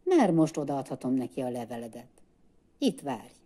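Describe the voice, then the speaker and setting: A woman reading the part of a calm fifty-year-old librarian, matter-of-fact and kind, in a children's story. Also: rumbling low, heavily acted.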